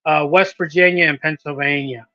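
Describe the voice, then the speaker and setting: A man's voice: fairly high pitch, fairly even intonation, moderate pace, bright, forceful tone, no room sound, dull audio. A man in his thirties, a wrestling promoter, talking in a casual podcast interview with hesitant ums and restarts. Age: 30s.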